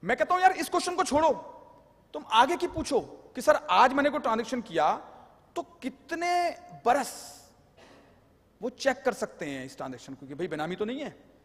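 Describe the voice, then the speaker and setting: Joking high-voiced man lecturing in a hall. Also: big pitch swings, normal speed, fairly bright tone. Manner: joking, explanatory, mixes English terms. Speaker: tax law speaker. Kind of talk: live lecture with anecdotes. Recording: long hall reverb.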